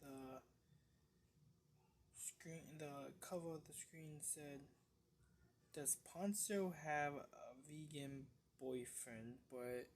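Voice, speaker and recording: A woman's voice: deep voice, extremely slow, pauses often, darkish tone, a little hiss or hum. A woman giving casual, sarcastic reaction commentary, rambling with fillers like "um". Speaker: reaction video host.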